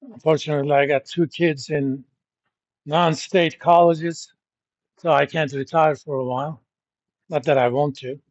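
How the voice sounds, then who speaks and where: A man's voice: fairly high pitch, steady tone, measured pace, long pauses, no echo, highs cut off. A middle-aged man from Turkey who teaches at a university, lecturing his class in a blunt, joking, informal way. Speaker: university professor.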